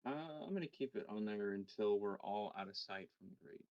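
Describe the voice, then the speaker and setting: A man chatting casually as a player in a tabletop game, recorded on a distant mic with loud noise. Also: on the low side, fairly quick, no room sound, dull audio.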